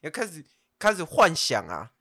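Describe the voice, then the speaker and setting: A man's voice: fairly high pitch, huge pitch swings, moderate pace, sharp tone, dry recording, studio quality. A man, a guest giving brash, coarse dating advice in a casual podcast chat, laughing often. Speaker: guest, pickup coach.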